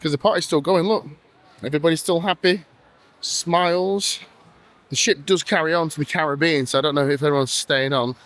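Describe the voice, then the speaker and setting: Man, travel vlog host, chatty, rambling, tired, a bit high-pitched. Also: fairly quick, fairly bright tone. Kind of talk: casual travel vlog chat.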